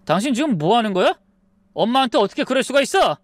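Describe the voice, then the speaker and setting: A woman reading the part of an irritated young husband in a dramatized family story. He sounds demanding and heated, with pitch swinging widely. The recording is dry and close. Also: very animated, quick pace, no echo. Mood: angry. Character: angry young husband siding with his mother.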